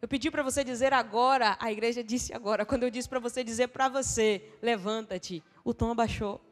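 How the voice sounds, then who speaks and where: A Brazilian woman preaching a sermon as a missionary pastor, dramatic, swinging between shouting and hushed tones and acting out quoted dialogue. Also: fairly high pitch, steady tone, fairly quick. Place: church hall. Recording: long church-hall reverb.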